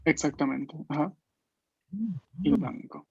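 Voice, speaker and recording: Guy teaching an online class, kinda high voice, patient, keeps asking if u got it, dry dull call audio. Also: slow, creaky, a little mellow, slightly rough. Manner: patient, explanatory, frequent "¿no?" tags. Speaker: language teacher. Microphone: video call.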